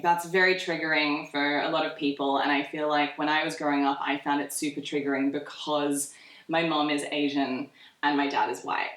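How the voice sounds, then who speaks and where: A woman's voice: deep voice, little pitch movement, normal speed, a bit bright. A young woman hosting a casual interview, chatty and reflective, using many likes. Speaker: host. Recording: roomy echo.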